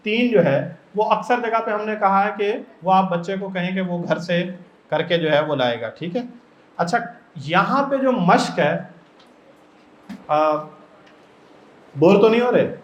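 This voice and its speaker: Training teachers at a workshop, a man from Pakistan talks in a high-pitched, slightly bright voice. He walks through the material step by step and keeps posing questions to the audience. The sound is dull and lo-fi, recorded in an echoey room.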